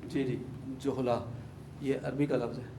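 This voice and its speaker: A man's voice: mid-range voice, level tone. A man teaching Arabic grammar to a class, repeating word forms and putting questions to his students. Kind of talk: classroom lesson. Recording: echoey room, mic far off, faint hum.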